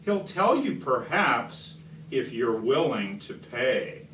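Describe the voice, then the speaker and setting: A man reading a rhyming picture book aloud to children, expressively, with deliberate, dramatic pauses. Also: mid-range voice, sing-song, fairly bright tone. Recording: roomy, distant home video with slight noise.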